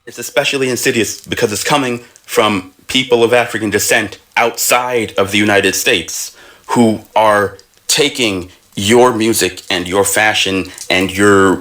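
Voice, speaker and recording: A man's voice: on the low side, a bit bright. A man born in Jamaica and raised in America giving an emphatic opinion rant. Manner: emphatic, building intensity.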